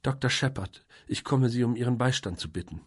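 Male reader doing a nervous earnest young woman, high and pleading, bit husky. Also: a little fast, close to an everyday voice. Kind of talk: audiobook reading.

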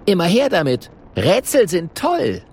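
A man's voice: a little high, wildly swooping pitch, measured pace, creaky, slight background noise, pitched above the performer's own voice, full character voice. A man voicing a curious, cheerful young dragon who speaks eagerly. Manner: eager, bright.

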